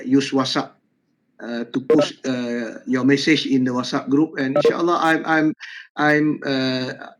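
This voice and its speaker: An older man giving a university lecture on a video call, halting with many fillers and repeated words. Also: mid-range voice, muffled recording. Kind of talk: online class lecture.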